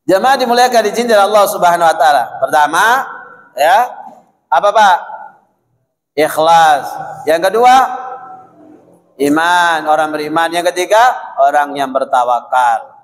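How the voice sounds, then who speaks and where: High-voiced preacher with Madurese accent. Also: male voice, unhurried, pauses often. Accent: Madurese-influenced Indonesian. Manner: animated, addresses listeners as "Pak", mixes Arabic prayers in. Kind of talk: mosque sermon. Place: mosque hall. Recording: long hall reverb.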